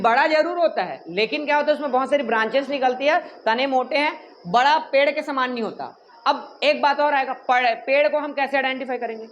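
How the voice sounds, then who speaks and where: A male teacher, giving a classroom lecture in an animated, joking way and scolding students. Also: very high-pitched, muffled recording, a little hiss or hum.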